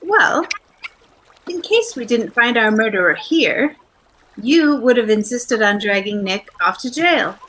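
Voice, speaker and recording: An actress playing a poised, clever detective's wife, coolly wry and teasing, in 1940s radio drama style. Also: female voice, a little high, expressive, measured pace, fairly bright tone, a little hiss or hum, low-quality recording. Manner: coolly wry, matter-of-fact.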